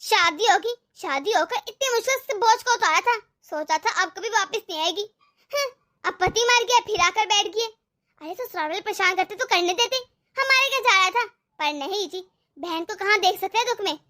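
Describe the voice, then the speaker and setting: A woman voicing a resentful, scheming young wife in an animated family story, talking in a bitter, sarcastic, complaining way. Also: very high-pitched, moderate pace, full character voice. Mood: bitter grumbling. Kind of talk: animated cartoon voice acting.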